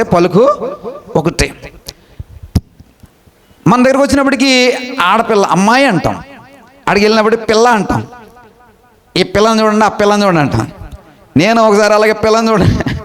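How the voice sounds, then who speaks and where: A man preaches a sermon, his voice sitting somewhat high for a man. He talks to the congregation conversationally and asks them questions. He climbs sharply in pitch to drive his points home. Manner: animated, lively pitch swings, rising high for emphasis. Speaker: pastor.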